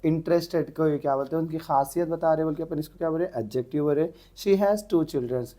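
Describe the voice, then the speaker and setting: A man's voice: fairly high pitch, fast, mellow. Man teaching grammar in a question-answer drill. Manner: asks the class questions and answers them himself. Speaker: English grammar tutor. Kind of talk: exam-prep grammar lesson.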